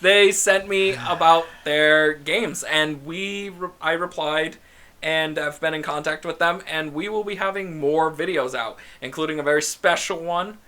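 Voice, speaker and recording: A man's voice: on the high side, unhurried, bright, forceful tone. A young man hosting a casual podcast chat, laughing often and swearing casually. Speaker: podcast host.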